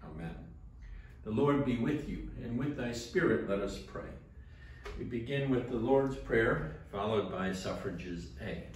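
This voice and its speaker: Leading morning prayer in a small chapel, an older man who serves as rector reads steadily from a book. His medium-pitched voice is a little mellow, with lively intonation and a measured pace. A faraway camera captures him in a very echoey room, with a little hiss or hum in the audio.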